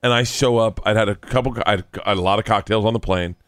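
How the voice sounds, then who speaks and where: A man's voice: on the low side, quick pace, a bit bright, dry recording, studio quality. A young adult man co-hosting a podcast, telling rambling stories in casual chat, swearing and acting out what people said. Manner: rambling storyteller, swears, acts out quotes. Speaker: podcast co-host.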